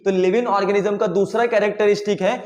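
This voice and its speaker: A man's voice: sits high, steady tone, quick pace. A young man teaching biology, explaining with everyday examples and asking the class rhetorical questions. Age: young adult. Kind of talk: classroom lesson. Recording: echoey room with long reverb.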